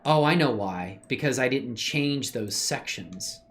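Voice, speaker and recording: A faint hiss or hum sits under this medium-pitched, fairly bright, animated male voice, which moves a little slowly. He's hosting a casual 3D animation livestream, chatting laid-back and slangy with viewers, appreciative and thinking aloud.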